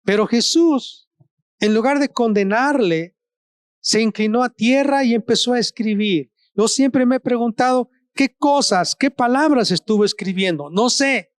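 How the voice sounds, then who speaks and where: Man, pastor, sermon, very slow deliberate phrasing, long pauses, emphatic rises and soft low drops, dry close sound. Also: clean tone, no echo. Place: church service streamed online.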